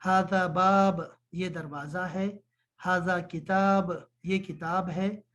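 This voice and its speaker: Man slowly teaching Arabic phrases. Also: sits high, fairly even intonation, fairly bright tone, muffled recording. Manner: explains patiently, repeats phrases slowly. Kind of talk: online language lesson.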